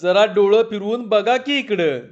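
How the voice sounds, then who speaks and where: A man's voice: sits high, a little slow, lo-fi sound, pitched above the performer's own voice. A man voicing a frantic village wife who scolds and pleads in rural dialect. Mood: pleading.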